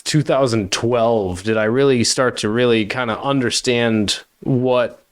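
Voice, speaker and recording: A man's voice: medium pitch, unhurried, slight background noise. A man hosting a casual interview podcast, asking easygoing short questions. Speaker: podcast host.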